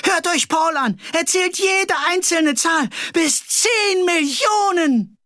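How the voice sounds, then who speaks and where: A man voicing a loud, pushy little girl in an audiobook, high and eager. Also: slow pace, no echo, clean studio sound, heavily acted. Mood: excited. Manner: pleading, then shouting excitedly. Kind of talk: audiobook character voice.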